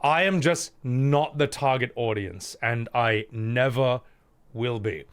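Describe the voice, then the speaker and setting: A man's voice: mid-range voice, takes it slowly, clear, resonant tone. A man streaming casual, blunt live commentary with exasperated swearing. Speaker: streamer reacting to game trailers.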